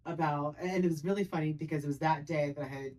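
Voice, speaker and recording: Playful, lower-voiced woman podcast host. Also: fast. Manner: playful, laughing, animated when telling stories. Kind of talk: casual chat.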